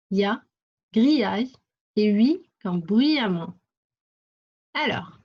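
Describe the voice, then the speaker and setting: A woman teaching a reading lesson to young children, sounding out syllables and repeating words slowly and deliberately. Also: a little high, darkish tone, breathy edge. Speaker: primary school teacher. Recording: dull lo-fi recording.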